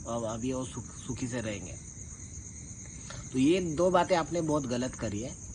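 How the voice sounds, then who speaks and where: A man with a voice on the high side and a darkish tone gives a colloquial, confrontational rebuttal, leveling accusations like someone with a grievance. The audio is poor, and insect-like chirping comes through clearly in the background.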